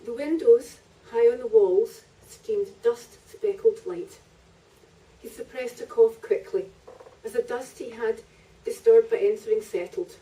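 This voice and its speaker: A woman author reads unhurriedly from her own book, her fairly high voice warm in tone. The narrative prose is captured by a distant microphone at a live festival reading in a library.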